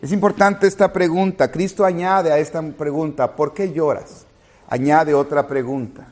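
A man preaching a sermon, climbing to loud emphatic peaks and sinking low and soft, restarting phrases as he goes. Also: fairly even intonation, normal speed. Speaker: pastor.

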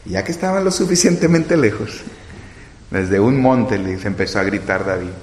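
A man's voice: lowish voice, animated, moderate pace, a little mellow. Preaching man in an echoey hall. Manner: retells scripture with dramatic acted quotes. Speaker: pastor. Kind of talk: sermon. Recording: echoey hall with long reverb.

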